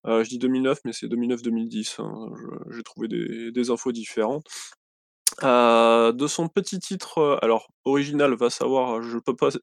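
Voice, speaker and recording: A man's voice: mid-range voice, fairly even intonation, moderate pace, gravelly, no room sound, clean studio sound. Rambling man chatting on a podcast. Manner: rambling, many fillers and self-corrections. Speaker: podcast co-host presenting a film. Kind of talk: casual podcast chat.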